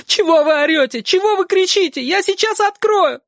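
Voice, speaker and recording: A man's voice: extremely high pitch, lively intonation, extremely slow, dark tone, no room sound, studio quality, pitched above the performer's own voice, full character voice. A man voicing a terrified teenage girl, pleading breathlessly and near tears. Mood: tearful.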